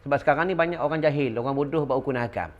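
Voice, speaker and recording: A middle-aged Malaysian man giving a religious lecture to an audience, telling stories with lively call-and-response asides. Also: mid-range voice, very fast, muffled recording. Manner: animated storytelling with call-and-response fillers. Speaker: religious teacher.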